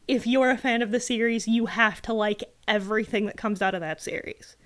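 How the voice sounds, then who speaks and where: A woman with a fairly high voice hosts a casual livestream and tears into a letter she is reading out. Her delivery is sarcastic and exasperated, with plenty of swearing along the way. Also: brisk, fairly bright tone. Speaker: livestream host.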